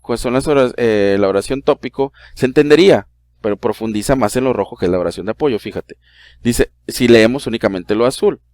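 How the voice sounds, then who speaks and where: Paciente maestro mexicano de primaria. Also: male voice, medium pitch, a little mellow, clear, resonant tone, no echo, studio quality. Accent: Mexican Spanish. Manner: patient, explanatory, addresses a child as "tú", many "eh" fillers. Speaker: primary school teacher. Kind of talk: recorded video lesson.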